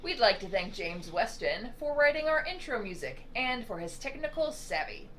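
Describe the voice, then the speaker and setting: A woman hosting a podcast interview, encouraging her guest with brief, warm replies. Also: on the high side, sing-song, normal speed. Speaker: podcast host. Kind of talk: casual interview. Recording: faint background noise.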